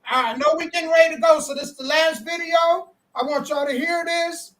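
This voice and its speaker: High-voiced woman hosting a podcast. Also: fairly even intonation, normal speed, a bit bright. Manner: emphatic, talks straight to listeners. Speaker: podcast host. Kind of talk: casual podcast chat.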